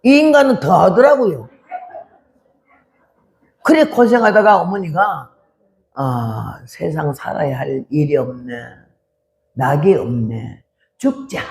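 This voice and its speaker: Elderly woman missionary in her 80s, gravelly, voices family members while telling her testimony. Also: medium pitch. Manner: lively storytelling, acting out family members' quoted speech. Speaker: missionary preacher. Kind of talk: testimony sermon.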